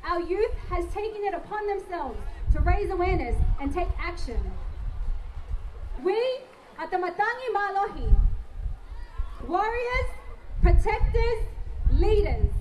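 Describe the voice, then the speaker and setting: A young woman activist giving a rousing, declamatory speech at an outdoor rally. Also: very high voice. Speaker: youth climate activist speaker. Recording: crowd and noise at outdoor rally. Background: cheering crowd and noise.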